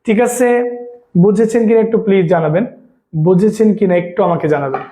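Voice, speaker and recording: A man teaching English for an exam, speaking, who keeps asking viewers whether the point is clear. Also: high voice, mellow, echoey room. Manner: repeats questions and asks viewers to confirm understanding; reads English examples slowly, explains quickly. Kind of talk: online exam-prep lesson.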